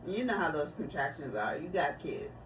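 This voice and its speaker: Chatting on her video channel, a woman in her forties tells stories about her family and laughs readily. She's a vlogger with a deep, very animated voice at a moderate pace, recorded on a distant mic in a noisy room.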